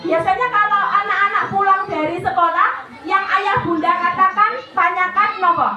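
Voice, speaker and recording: A woman with a Javanese accent giving a chatty, animated parenting talk to parents, dropping into Javanese phrases. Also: extremely high pitch, normal speed, highs cut off, a crowd in the background. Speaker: parenting seminar speaker. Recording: echoey hall, distant mic, noisy.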